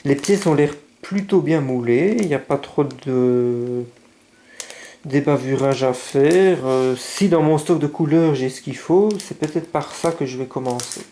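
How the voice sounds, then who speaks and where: A man's voice: medium pitch, unhurried, a little hiss or hum. A man casually showing a scale model kit to his viewers, hesitant with many fillers, stumbling over English words. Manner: relaxed, hesitant with frequent "euh" fillers; mispronounces English paint names. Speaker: scale model hobbyist vlogger. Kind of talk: casual unboxing commentary.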